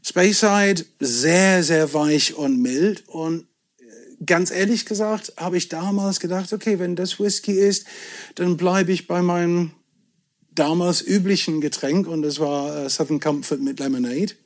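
English-born man chatting, slightly high voice. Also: fairly even intonation, measured pace. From southwest England. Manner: chatty storyteller, self-deprecating humour. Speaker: podcast guest, whisky entrepreneur. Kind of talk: casual chat.

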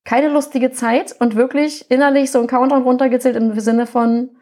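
A woman with a fairly high voice hosts a podcast interview. She listens attentively, backs her guest with short affirmations, and asks open questions. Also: little pitch movement, moderate pace, a little mellow. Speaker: podcast host. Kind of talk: interview host.

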